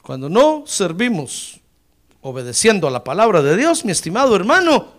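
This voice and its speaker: A male pastor delivering a sermon in a high voice that leaps up and down constantly. He swells into emphatic bursts, then drops almost to a murmur, calling out to his brothers in the pews. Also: very animated, normal speed. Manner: preaching with sudden surges and drops in pitch and volume; repeatedly addresses listeners as brother.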